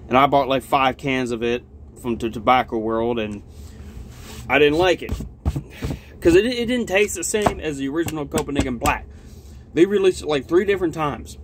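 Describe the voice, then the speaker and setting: A man's voice: mid-range voice, moderate pace, noisy background. A young adult man with a lip full of dip, chatting casually and rambling with plenty of swearing as he reviews a product on a vlog. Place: small cluttered log-walled room, indoors.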